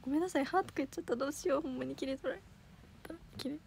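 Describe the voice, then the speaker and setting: A woman's voice: high voice, gravelly, background noise. Chatty teenage girl with a Kansai accent. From Osaka, Japan. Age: teens. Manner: chatty, giggly, quick self-corrections. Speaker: idol livestream host. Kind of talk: casual livestream chat reading comments.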